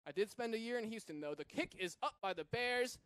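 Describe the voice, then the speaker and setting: A man from Massachusetts calling a live rugby match play by play, with energetic delivery that surges to shouts on big runs. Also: sits high, brisk. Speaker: play-by-play commentator.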